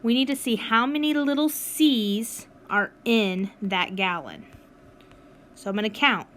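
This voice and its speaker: A woman's voice: fairly high pitch, measured pace, fairly bright tone. A woman teacher recording a math lesson for her students, upbeat and encouraging as she walks them through each step. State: has the hiccups. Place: at home with her dog nearby.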